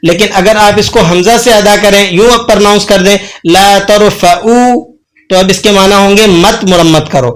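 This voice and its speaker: A man giving a tajweed pronunciation lesson, patiently repeating slow, drawn-out Arabic letter sounds as examples. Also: high voice, steady tone, fairly bright tone. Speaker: Quran recitation teacher.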